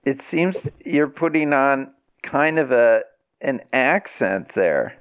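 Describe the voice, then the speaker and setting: A man hosting a podcast, giving a measured, deliberate introduction and asking interview questions. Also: medium pitch, lively intonation, clean tone, dry recording, highs cut off. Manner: measured, deliberate announcer delivery.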